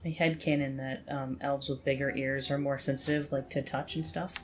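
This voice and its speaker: A woman chatting casually as she plays a video game, talking to herself with sudden high exclamations. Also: level tone, moderate pace, slight background noise. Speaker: gaming host.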